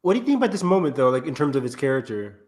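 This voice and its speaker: A man's voice: mid-range voice, sing-song, rapid-fire, a little mellow. A man co-hosting a podcast in casual chat, talking eagerly and tripping over his words. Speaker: podcast co-host.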